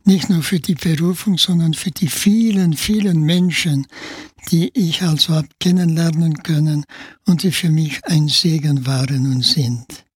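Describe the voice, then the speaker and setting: A man in his nineties, from Spain, with a Spanish accent, speaking German as a priest guest in a radio interview, halting and peppered with "ja". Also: on the high side, slightly rough, no echo. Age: 90s. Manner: halting, with frequent filler "ja" and restarts.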